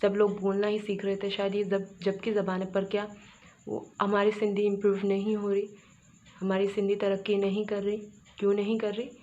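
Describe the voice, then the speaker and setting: A woman's voice: medium pitch, completely flat delivery, moderate pace, a little mellow. A woman from Pakistan, teaching an English grammar lesson, repeating words and asking and answering her own questions. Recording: dull, slightly noisy recording.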